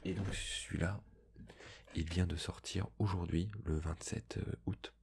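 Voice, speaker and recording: A man speaking in a hushed, soft-spoken ASMR manner, slipping into whispers, with a husky, breathy voice, chatting casually as a host. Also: deep voice, fairly even intonation, measured pace, a little hiss or hum. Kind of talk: soft-spoken ASMR, casual chat about book purchases.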